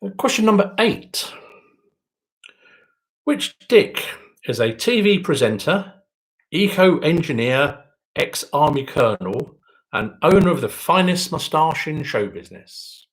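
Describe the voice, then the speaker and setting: A man's voice: a little high, big pitch swings, poor audio. Quiz host, male, dry wit, sing-song delivery that rises on each question. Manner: repeats each question slowly, dry joking asides. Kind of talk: reading out quiz questions and answers.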